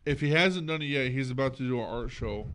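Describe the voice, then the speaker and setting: A man's voice: mid-range voice, a bit bright. A man from Texas hosting a podcast in loose, profane, casual interview chat. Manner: loose, profane, quick back-and-forth. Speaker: podcast host.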